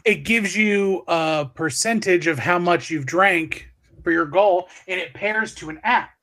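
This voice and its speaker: A man co-hosting a podcast who explains things eagerly and excitedly among friends. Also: sits high, a little slow. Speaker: podcast co-host. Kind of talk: casual banter among friends.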